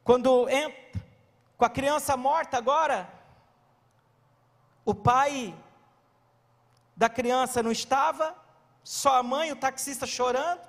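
A man in his forties preaching a sermon in a church, telling a story with animation and breaking into shouts. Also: extremely high pitch, slow, long pauses. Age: 40s. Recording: long church reverb.

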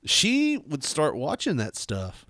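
A man's voice: a little high, wildly swooping pitch, takes it slowly, a bit bright, a little hiss or hum. A man co-hosting a casual podcast, trading crude jokes, laughing often and slipping into silly voices. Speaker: podcast co-host.

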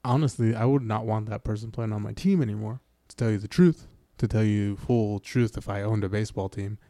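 A man's voice: fairly low pitch, fairly even intonation, fairly quick, mellow, dry recording, studio quality. A man co-hosting a casual talk show, laughing often and riffing with profanity. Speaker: podcast co-host. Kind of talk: casual chat.

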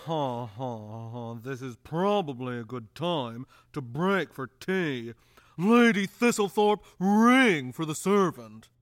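A man's voice: a little high, animated, takes it slowly. An actor playing a pompous, bossy theatre director who stars as the detective in his own play. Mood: weary.

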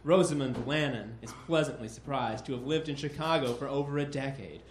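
A man's voice: mid-range voice, fairly quick, a little hiss or hum. A man hosting a live comedy show, introducing acts with upbeat, joking patter. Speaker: host. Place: stage in an echoey venue. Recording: echoey live venue.

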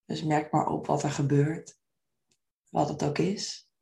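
A woman guides a meditation in a soft, soothing way. Her voice sits low and stays very even, with a creaky edge at the ends of phrases. She phrases gently and without hurry. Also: measured pace.

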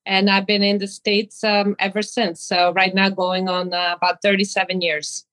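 A woman in her fifties from Serbia, a business executive answering interview questions in a measured way. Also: mid-range voice, level tone, fairly bright tone, low-quality recording. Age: 50s. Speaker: guest executive.

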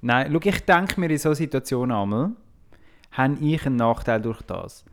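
A man's voice: mid-range voice, lively intonation, normal speed. A man in casual chat, reasoning things through aloud.

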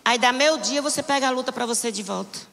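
A woman bishop delivers a fervent sermon, shouting declarations and then dropping into teasing asides to the congregation. Her voice sits high and sounds bright and sharp. It rings out in a church with a long reverb trailing behind. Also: quick pace, gravelly. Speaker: bishop preaching.

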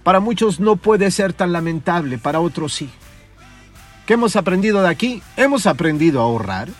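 A man rants through a podcast monologue in a high-pitched voice, swearing freely and scolding his listeners. Soft music plays faintly underneath. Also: expressive, brisk. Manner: profane, scolding, mocking. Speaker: podcast host. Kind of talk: ranting motivational monologue.

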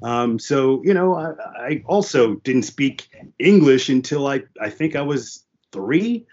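Candid and earnest, the panel guest, raised speaking French and Haitian Creole and from New York and New Jersey, recounts his story with frequent "uh" and "you know." His mid-range voice is a little mellow, with lively intonation and an unhurried pace, on a lo-fi recording.

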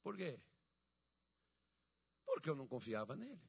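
A man from Minas Gerais preaching a sermon, acting out quotes with loud shouts and poking fun at himself. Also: medium pitch, wildly swooping pitch, moderate pace, creaky, breathy edge. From Minas Gerais, Brazil. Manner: self-mocking, laughs at himself.

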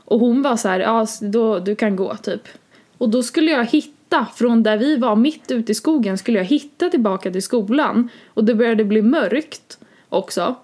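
A woman's voice: on the high side, darkish tone. A young woman co-hosting a podcast, telling a long story in casual chat, full of fillers. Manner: rambling, many fillers like "liksom" and "typ". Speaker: podcast co-host.

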